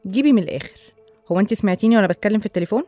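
A young woman with an Egyptian accent playing a bossy, teasing middle sister, over soft music. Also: medium pitch, rapid-fire, dry recording, lightly acted. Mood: worried. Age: young adult. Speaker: college student sister. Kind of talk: radio drama acting.

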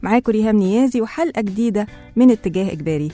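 Egyptian woman, radio talk host, mellow tone, quick pace, light music behind. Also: medium pitch, lively intonation. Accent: Egyptian Arabic. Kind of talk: radio talk show presenting.

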